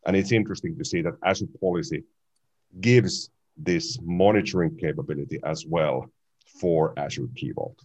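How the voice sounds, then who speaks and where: A man's voice: deep voice, moderate pace, a little mellow. A man hosting a tech interview, reflecting aloud and then asking practical follow-up questions.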